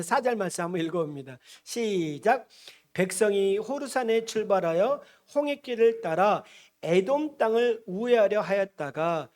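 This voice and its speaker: A male pastor preaching a sermon, animated and often asking the congregation questions. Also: sits high.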